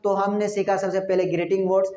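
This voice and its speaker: A woman's voice: medium pitch, little pitch movement, fast, warm tone, echoey room. A woman with an Indian accent, a native Hindi speaker, teaching a beginners' English lesson. She repeats words again and again and asks her listeners rhetorical questions.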